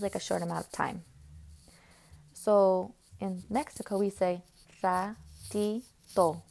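A woman hosting a casual solo podcast, talking in a chatty, rambling way with many pauses and restarts. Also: medium pitch, gravelly. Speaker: podcast host.

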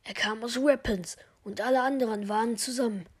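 A woman voicing a hasty uncle who quickly accuses someone else, said in her own husky voice. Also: on the high side, steady tone. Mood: accusing.

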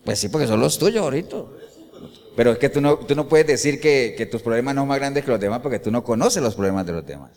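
A male pastor delivering an animated sermon, often putting rhetorical questions to the congregation. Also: medium pitch, fast, long reverb tail.

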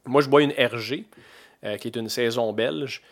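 A Québécois man in his forties hosts a podcast in loose, everyday chat. His voice sits at a middle pitch, and he rambles along with plenty of fillers and restarts. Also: normal speed. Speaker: podcast host.

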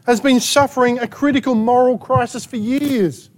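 High-voiced Australian preacher. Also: male voice, steady tone, moderate pace. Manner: emphatic preaching with rhetorical questions and sharp asides. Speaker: pastor. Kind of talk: sermon. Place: church gathering in a rented hall.

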